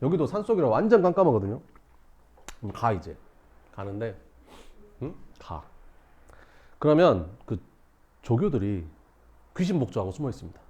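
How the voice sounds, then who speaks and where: A male teacher telling a class a story, acting out shouts and screams and laughing as he goes. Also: mid-range voice, sing-song, normal speed, long pauses, slight background noise. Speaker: math teacher.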